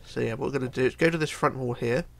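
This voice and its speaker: Fast and creaky, his mid-range voice is hoarse from a cold. The middle-aged man hosts a casual game build tutorial at his home computer desk, where he chats, counts blocks out loud, and often mumbles.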